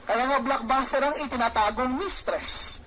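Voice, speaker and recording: Middle-aged man, high voice, Taglish seminar trainer, lively, questions the audience, faint background hiss. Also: normal speed, rough recording. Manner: lively, acts out quoted dialogue. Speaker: network marketing trainer.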